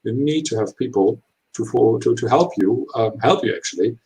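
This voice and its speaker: A man of 39 who is not a native English speaker gives interview answers in halting, imperfect English full of hesitations. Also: mid-range voice, darkish tone, rough recording. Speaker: HR professional being interviewed.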